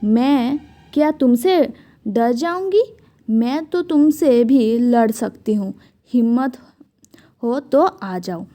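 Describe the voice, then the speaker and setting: A woman's voice: a little high, animated, takes it slowly, dark tone. Woman doing a cheeky boastful fly. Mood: taunting. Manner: taunting, sometimes whispered.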